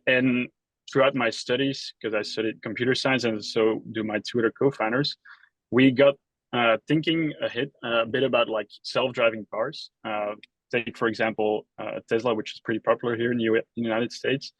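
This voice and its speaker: A man's voice: mid-range voice, fairly bright tone, no echo, rough recording. A young man from Belgium presents his company in a webinar, talking casually with plenty of fillers and restarts. His voice sits mid-range, and the recording is dry with no room sound. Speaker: app company co-founder.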